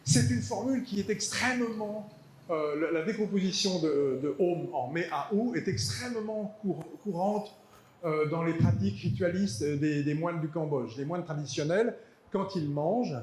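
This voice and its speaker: A man gives an academic lecture in a voice pitched a little high. He hesitates often and repeats words, dropping in dry asides. The sound is echoey, as in a lecture hall. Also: moderate pace, a little mellow, slight background noise.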